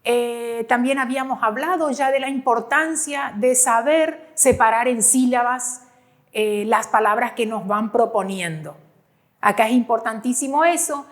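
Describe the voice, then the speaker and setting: A woman teacher presents a grammar lesson over slides, patiently repeating points and checking understanding with short hums. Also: a little high. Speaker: school teacher.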